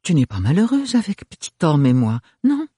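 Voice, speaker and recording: A man doing a gentle, placating young husband. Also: fairly high pitch, wildly swooping pitch, normal speed, breathy edge, no room sound, studio quality, pitched above the performer's own voice, heavily acted. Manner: gentle, soothing.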